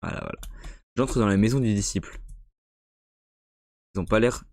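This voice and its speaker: A man's voice: fairly low pitch, moderate pace, a little mellow, no room sound, clean studio sound. Young male streamer, casual live play commentary, chatty and playful. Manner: chatty, jokey, reacts to scares. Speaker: streamer playing a horror game.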